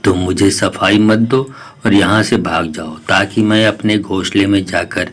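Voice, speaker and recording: Storybook myna hen, angry and distrustful of males, snapping out quick scolding lines, read by a man in a low voice. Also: slightly rough. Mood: scornful. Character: sharp-tongued female myna bird, distrustful of males.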